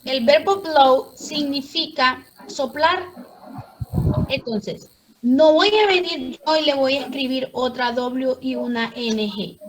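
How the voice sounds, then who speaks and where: A woman's voice: high-pitched, slow pace, a little hiss or hum, poor audio. A woman teaching English grammar to a class, explaining patiently step by step.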